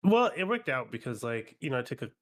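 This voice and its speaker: A man's voice: mid-range voice, big pitch swings, fast talker. A man with a slightly nasal, post-nose-surgery voice, chatting casually as a livestream guest in a hesitant, self-effacing way that repeats words. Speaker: guest, video creator on a game channel.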